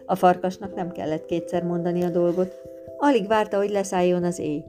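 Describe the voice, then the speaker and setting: A woman narrating a storybook tale in a lively, expressive reading, with guitar music behind. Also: on the low side.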